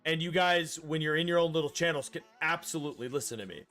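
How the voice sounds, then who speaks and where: A man in his thirties streams a game and talks it through with friends. His voice is bright and a touch high, and he explains things at length. Faint music sits underneath. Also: fast. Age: 30s. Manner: chatty, explains rules at length. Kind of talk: casual game-stream chat.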